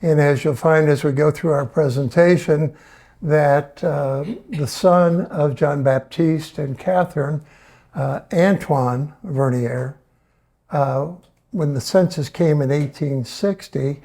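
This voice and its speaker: Man, seventies, relaxed and folksy, addresses a live audience with a warm, slightly high voice. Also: slow, vocal fry. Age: 70s. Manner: folksy, hesitant, full of uh fillers, asks the audience questions. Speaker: presenter. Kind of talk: casual talk to an audience.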